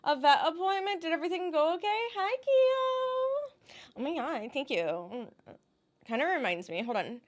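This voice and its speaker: High, bubbly streamer woman. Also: lively intonation, fairly quick. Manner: bubbly, greets chatters, gasps and squeals at subs. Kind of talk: casual live-stream chat.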